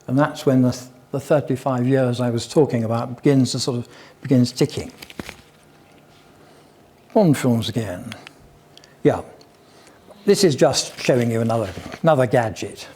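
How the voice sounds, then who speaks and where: A man's voice: medium pitch, normal speed, pauses often, warm tone, slight background noise. An older man giving a chatty public talk, full of wry asides and digressions. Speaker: guest speaker at a local history talk.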